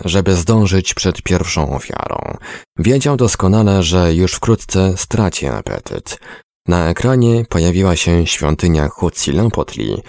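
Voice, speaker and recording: A man narrating a story in a measured, expressive reading. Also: low voice, creaky, no room sound.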